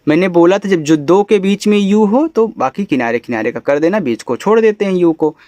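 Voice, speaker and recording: Higher-voiced male teacher, dry close sound. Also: animated, a little mellow, dry recording. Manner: spells letters out slowly, then drops to say the word. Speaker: English teacher. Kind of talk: phonics lesson explanation.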